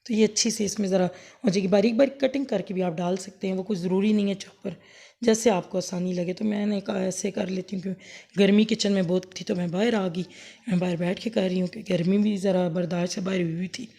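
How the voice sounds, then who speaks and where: A woman with a sore, hoarse throat giving a rambling, homely cooking demonstration for her vlog. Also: mid-range voice, steady tone, fast, warm tone. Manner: homely, rambling, self-correcting explanations. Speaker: cooking vlogger. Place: home kitchen, later outdoors under a fan.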